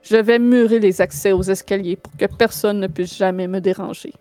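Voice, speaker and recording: A woman's voice: mid-range voice, steady tone, normal speed, warm tone, no echo, faint music behind, natural voice. A woman voicing a brooding, possessive male vampire lord in a tabletop game, with solemn, declamatory delivery. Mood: imperious.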